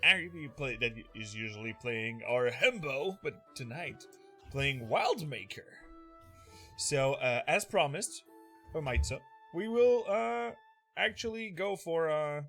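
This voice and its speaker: A man, hosting a live tabletop game stream in casual chat, excitable and quick to laugh. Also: fairly high pitch. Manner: excitable, laughs often, thanks viewers. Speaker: game master and stream host.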